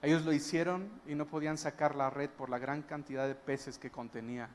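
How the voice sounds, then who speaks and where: A man delivers a sermon, telling the story with emphasis and pausing for awed exclamations. His voice sits a little higher than most men's. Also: steady tone, slight background noise. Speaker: guest pastor.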